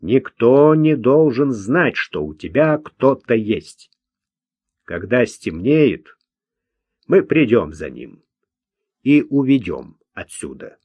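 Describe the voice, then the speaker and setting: A man's voice: mid-range voice, sing-song, slow pace, breathy edge, dry recording, dull audio, full character voice. A man voicing a nervous, irritable man who gives curt orders, in an audiobook. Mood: commanding. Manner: curt and commanding.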